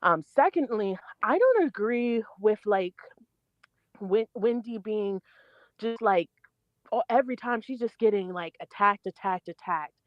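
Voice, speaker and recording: A woman's voice: mid-range voice, expressive, a little slow, no room sound. Rambling woman caller on a dull line. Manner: rambling, filler-heavy, blunt. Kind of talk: call-in opinion. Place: at work. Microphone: phone. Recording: dull dry phone audio.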